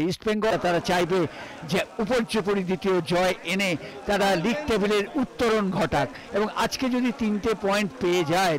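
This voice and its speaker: A man's voice: high-pitched, poor audio. A man commentating live on a football match.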